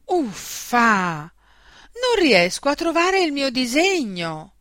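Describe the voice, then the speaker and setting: A woman's voice: fairly high pitch, very animated, unhurried, no room sound, studio quality. A woman voicing a tender but headstrong little girl in a storybook reading, with whiny, exasperated outbursts.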